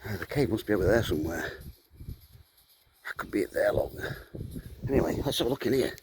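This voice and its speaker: A man's voice: fairly low pitch, animated, brisk, background noise. A man narrating a casual outdoor walking vlog like an informal guide, musing to camera in short phrases. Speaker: hiking vlogger and walking guide. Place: outdoors on open, boggy island moorland.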